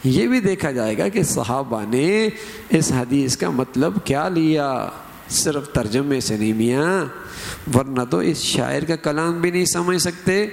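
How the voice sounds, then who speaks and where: A man's voice: on the high side, animated, creaky. A middle-aged man preaching a sermon, emphatic, lifting his voice to act out quoted phrases and examples. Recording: hall with long reverb.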